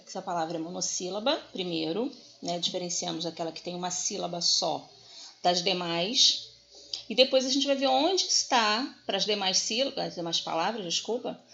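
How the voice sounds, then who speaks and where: Woman, teacher, bright voice, stresses examples, slightly muffled sound. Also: medium pitch, creaky. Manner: explanatory, addresses students directly, stresses examples. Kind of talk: online grammar lesson.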